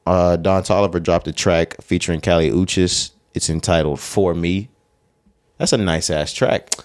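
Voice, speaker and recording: Deep-voiced joking podcast co-host, a man. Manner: animated, joking, quick to laugh. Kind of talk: casual podcast chat.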